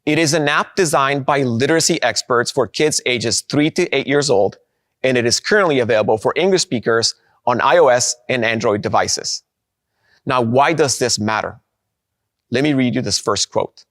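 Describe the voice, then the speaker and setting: A man from Guatemala, giving an upbeat conference keynote and slowing down to stress key points. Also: medium pitch, fairly bright tone, dry recording, clean studio sound. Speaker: presenter of a product.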